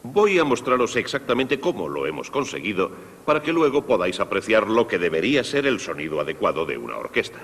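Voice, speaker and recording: A man with a low, husky voice teaches young listeners about the orchestra. His pitch swings widely as he explains, speaking straight to the children. The sound carries a long hall reverb. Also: fairly quick. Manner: lively, explanatory, addressing children directly. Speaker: conductor presenting a concert for young people. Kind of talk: Spanish dub of a televised music lesson.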